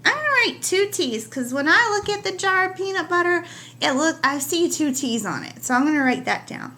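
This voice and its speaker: A woman teacher giving a writing lesson to young children, slowly stretching out the sounds of words. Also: high voice, very animated, bright, forceful tone.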